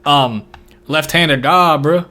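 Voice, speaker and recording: A man's voice: a little high, takes it slowly, sharp tone. A man co-hosting a fight-picks talk show, in loose casual chat that rambles with fillers and slang. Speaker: podcast co-host making fight picks.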